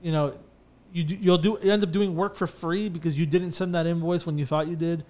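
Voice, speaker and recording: Talking briskly in a slightly high voice, the owner of a bathtub refinishing company tells stories on a podcast. His casual, animated delivery is packed with fillers and false starts.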